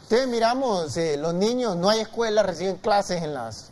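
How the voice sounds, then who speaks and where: A man's voice: high-pitched, animated, normal speed, darkish tone. A man, chatting as an analyst on a TV talk show, hesitating with many fillers and restarts. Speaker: guest analyst. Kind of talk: casual TV talk show discussion. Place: TV studio.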